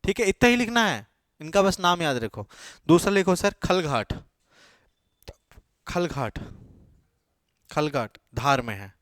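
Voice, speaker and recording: A man's voice: on the high side, very animated, takes it slowly, pauses often, a bit bright, no room sound, clean studio sound. A male teacher giving a classroom lecture, dictating notes, repeating key words and checking in with his students.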